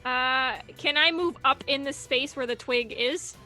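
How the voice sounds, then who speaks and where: A woman with a high, sharp-edged bright voice plays a tabletop game. She talks in a loose, casual way over faint background music. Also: a little slow.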